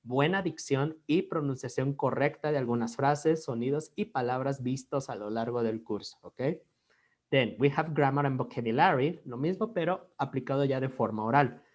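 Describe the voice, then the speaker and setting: Mexican teacher tagging every line with "ok?". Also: male voice, mid-range voice, normal speed. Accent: Mexican Spanish. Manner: switches between Spanish and English, says "ok?" after nearly every phrase. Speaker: English teacher. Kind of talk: online class lecture. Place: online video class.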